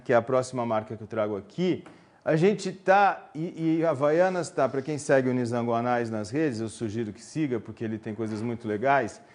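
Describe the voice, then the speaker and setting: A man's voice: medium pitch, a little mellow. Chatty Brazilian man teaching live. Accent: Brazilian Portuguese. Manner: chatty, filler-heavy, joking with the audience. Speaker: webinar presenter. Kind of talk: live online marketing class.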